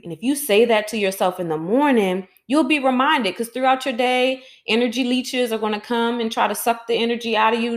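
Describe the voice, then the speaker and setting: A woman podcast host and Reiki teacher, guiding listeners through slow breathing and then giving an encouraging talk. She often ends her sentences with "right?" and gets more emphatic as she encourages. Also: a little high. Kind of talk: guided breathing exercise and motivational talk.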